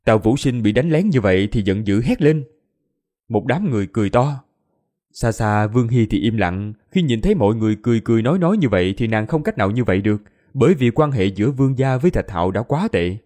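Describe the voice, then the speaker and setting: A man narrating a fantasy audiobook in an expressive storytelling manner. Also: mid-range voice. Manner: expressive storytelling, voices all characters.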